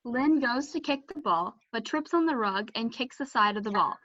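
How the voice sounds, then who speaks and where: Over slightly muffled video call audio, a woman narrates a play performed remotely, reading its scripted introduction and stage directions. Her voice sits on the high side, a bit bright and lively in intonation, at a moderate pace with no room sound.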